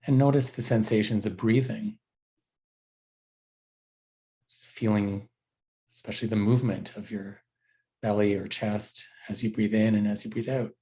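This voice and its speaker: A man teaches a guided body scan meditation, offering gentle, unhurried instructions with frequent pauses. His pitch is fairly low and his tone steady, though the recording is rough.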